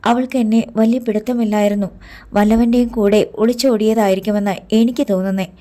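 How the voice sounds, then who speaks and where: Scheming young village man, voiced by a woman storyteller: firm, low, sure of himself, mellow tone. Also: steady tone, brisk, lightly acted. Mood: determined. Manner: low, firm, matter-of-fact.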